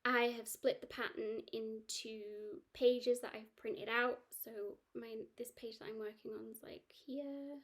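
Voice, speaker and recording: A woman's voice: a little high, little pitch movement, measured pace, hardly any pauses. A woman chatting casually about her cross-stitch projects, rambling with lots of ums and restarts. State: has the hiccups. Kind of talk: casual chat.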